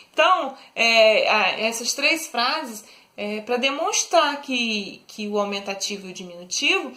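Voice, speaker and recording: A woman's voice: on the high side, pushed and bright. A woman teacher, giving a lesson to young pupils, patient and affectionate, checking often that the class follows.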